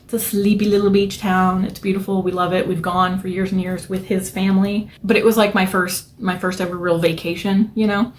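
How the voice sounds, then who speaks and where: A woman's voice: mid-range voice, flat delivery, fairly quick, hardly any pauses. A young adult woman talks to camera from a room at home, her nail polish wall behind her. She rambles, restarts her sentences and leans on fillers. She sounds a little self-conscious. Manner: self-conscious, nervous hand habit. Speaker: nail art vlogger. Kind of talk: casual storytelling vlog.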